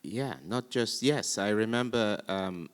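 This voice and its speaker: A man, an actor, telling a stage story at a panel, lively and chanting verse rhythms aloud. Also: fairly low pitch, unhurried, clean tone. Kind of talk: panel conversation, anecdotal. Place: hall with audience. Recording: long hall reverb.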